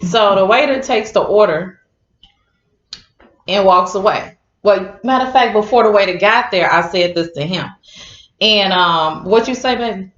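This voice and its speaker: Playful female co-host, mid-pitched voice, roomy lo-fi sound. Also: moderate pace, fairly bright tone. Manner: teasing, playful. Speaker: podcast co-host. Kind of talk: casual chat.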